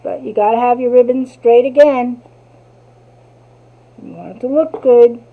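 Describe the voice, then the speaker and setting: This woman's voice is gravelly, fairly high, and a little slow, carrying a Jersey accent. She's a craft tutorial host from New Jersey, chattily talking to herself while casually demonstrating a craft. The recording is tinny and phone-like.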